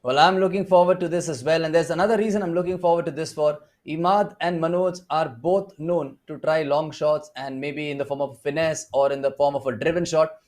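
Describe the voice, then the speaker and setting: A man with an Indian English accent giving excitable live play-by-play commentary on an esports football match. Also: fairly high pitch. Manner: excitable play-by-play, rising on big chances.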